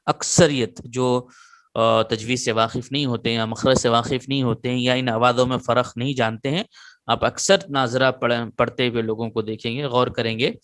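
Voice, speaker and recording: A man at a middle pitch gives a patient recorded lesson on reading letters. He drills each sound slowly and repeats it so students can take notes. The sound is close and dry. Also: a bit bright, no echo. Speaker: Quran reading teacher. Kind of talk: online lesson.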